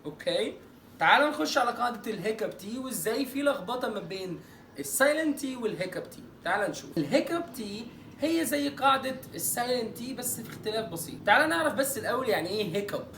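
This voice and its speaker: A man with an Egyptian Arabic accent teaching English pronunciation in an online lesson. He jokes playfully and draws out example words slowly. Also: very high-pitched, lively intonation, fairly bright tone, echoey room, distant mic, slight background noise.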